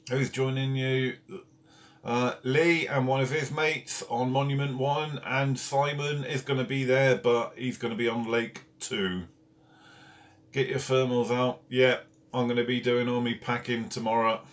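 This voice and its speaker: A man's voice: medium pitch, little pitch movement, unhurried. A man hosting a casual live stream from home, chatting and greeting viewers one by one by name. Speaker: carp fishing channel host. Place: at home, indoors.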